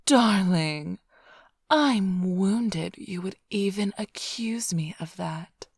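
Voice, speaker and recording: Voicing a smug, flirtatious vampire thief in full character, a woman whispers and teases through an ASMR roleplay, drawing out her words close to the mic. Her medium-pitched, breathy voice is expressive with a darkish tone, recorded dry on a close-up studio microphone with no room sound.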